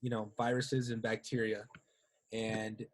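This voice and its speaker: A man's voice: fairly low pitch, little pitch movement, unhurried, rough recording. A young man, a student entrepreneur, explaining his work casually in an unscripted interview. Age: young adult. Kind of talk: interview answer.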